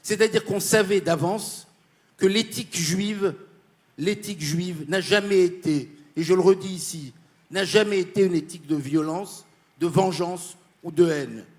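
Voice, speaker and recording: A man's voice: high voice, a little slow, a little mellow. Earnest man from Morocco giving a speech. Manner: earnest and insistent, repeating key points. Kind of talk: formal panel speech. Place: conference panel.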